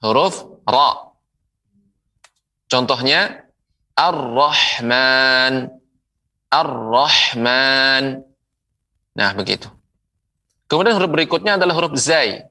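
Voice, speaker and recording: A man teaching a televised Quran reading lesson, patiently explaining and drawing out each example word slowly, with repeated examples for viewers. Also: fairly high pitch, sing-song, sharp tone, recorded from a distance. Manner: slow, drawn-out recitation of example words, repeated for listeners; patient, explanatory, asks the audience questions and answers them.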